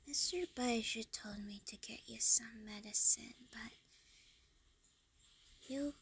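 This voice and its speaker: A woman voicing a small, listless zombie girl in a soft whispery voice, among switching game impression voices. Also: fairly high pitch, slow pace, breathy edge, exaggerated voice.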